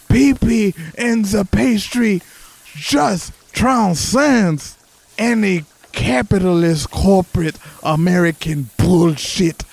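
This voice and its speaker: A man's voice: high-pitched, gravelly, darkish tone, no echo, exaggerated voice. A man voicing a pompous male French pastry chef in a put-on French accent, in an improvised comedy sketch. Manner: haughty, indignant.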